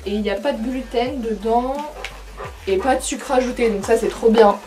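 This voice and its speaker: A young woman chatting casually as she unboxes a monthly pet box, chatty and full of fillers and excited asides. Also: a little high, moderate pace, soft background music. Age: young adult.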